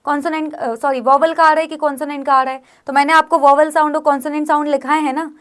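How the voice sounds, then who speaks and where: A woman's voice: high-pitched, level tone, fast, a bit bright. A woman teaching a grammar lesson, explaining rules step by step and often checking in with her students. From India. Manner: frequent check-in questions to students.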